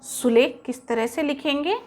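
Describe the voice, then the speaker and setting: A woman teacher slowly spelling out words sound by sound for young children, patient and instructive. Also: high-pitched. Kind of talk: slow, careful classroom dictation for young children.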